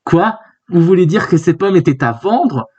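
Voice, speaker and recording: A man's voice: sits high, animated, moderate pace, darkish tone, slightly rough, muffled recording, pitched above the performer's own voice. A man voicing a naive, carefree teenage boy hero in a manga reading. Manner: innocent, surprised.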